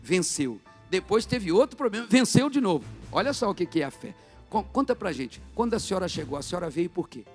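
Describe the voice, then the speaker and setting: Male interviewer, high and fast, soft music behind. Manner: prompting questions, quick and lively. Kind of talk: church testimony interview.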